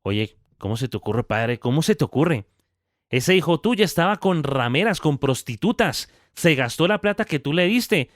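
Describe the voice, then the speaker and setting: A man's voice: on the high side, very animated, moderate pace, no room sound, studio quality. A man voicing an envious, indignant older brother who protests with rising questions.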